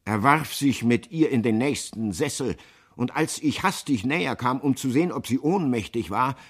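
A man reading a novel aloud as narrator, in a measured, sombre storytelling manner. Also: medium pitch, lively intonation, husky. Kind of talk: scripted audiobook narration.

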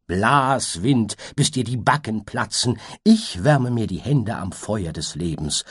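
A man putting on a giddy little butterfly minstrel, lifted high above his husky speaking voice and swooping all over. He draws his phrases out in a playful sing-song, like a storybook character half-singing every line. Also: animated, slow pace, heavily acted. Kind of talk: storybook reading.

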